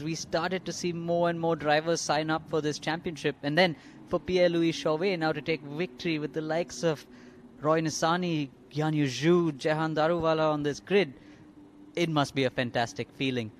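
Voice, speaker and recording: A man giving measured, analytical co-commentary on a live motor race. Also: on the high side, fairly even intonation, slight background noise.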